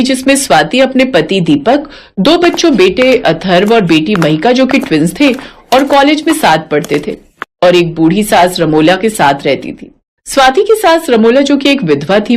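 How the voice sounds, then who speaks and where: A woman narrating a family story in an even storytelling manner. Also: medium pitch.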